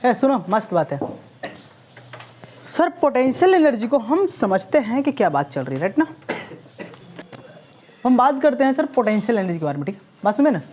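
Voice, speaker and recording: A man's voice: very high voice, very animated, moderate pace, long pauses, darkish tone, highs cut off, a little hiss or hum. A male physics coaching teacher lecturing a class in a chatty, teasing manner, constantly checking whether students follow. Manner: teasing, chatty, peppers speech with "sir" and check questions.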